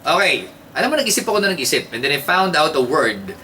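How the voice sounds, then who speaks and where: A young Filipino man hosts a playful radio trivia segment in an animated, sing-song delivery, mixing English into his Tagalog. His voice is bright and a touch high for a man. He sits a little back from the studio mic, and a faint hiss runs under him. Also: fast talker, far from the mic.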